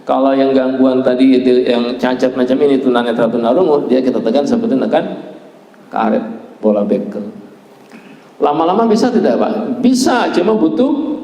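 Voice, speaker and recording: A man's voice: mid-range voice, normal speed, mellow, very echoey, in a large hall, highs cut off. A man leading a training course, talking straight to a seated class, quizzing them and ending many lines with "ya" and "Pak". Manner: talks to the class directly, asks them questions and tags many lines with "ya" and "Pak". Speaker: trainer of a back-pressure therapy course.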